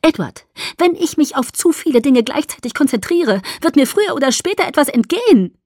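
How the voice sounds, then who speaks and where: A woman reading as a young vampire woman, speaking high, loud and clipped. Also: sing-song, fairly quick, no echo, clean studio sound. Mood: cold, defensive. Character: young vampire woman, sharp, cold and defensive.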